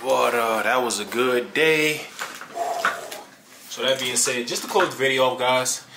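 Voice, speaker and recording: Sitting in his car, a thirtysomething vlogger with a Chicago accent talks to the camera on his dashboard in a medium-pitched voice, a little slowly. His manner is relaxed and chatty, sprinkled with "finna" and "you know," over the hum of road noise.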